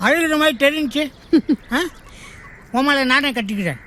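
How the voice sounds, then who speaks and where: A man's voice: extremely high pitch, moderate pace, bright, forceful tone. An actor playing a cheeky young village man in a film drama, teasing and cheerful.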